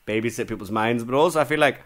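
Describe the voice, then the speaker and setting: A man's voice: medium pitch, fast talker. A man with a Geordie accent, a comedian guest on a podcast, chatting casually and acting out quotes as he tells stories. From Newcastle, England. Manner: storytelling, animated, acts out quotes.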